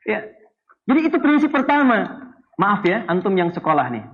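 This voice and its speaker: A man from Indonesia preaching a sermon, animated and playful, swinging between loud and soft. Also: sits high, normal speed. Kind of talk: Islamic sermon. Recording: dull lo-fi sound.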